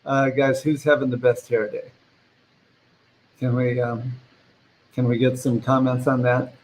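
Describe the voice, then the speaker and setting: A man's voice: medium pitch, flat delivery, a little slow, a little mellow, rough recording. A man co-hosting a casual online show over a video call, joking and poking fun at himself. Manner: joking, self-mocking. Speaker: co-host.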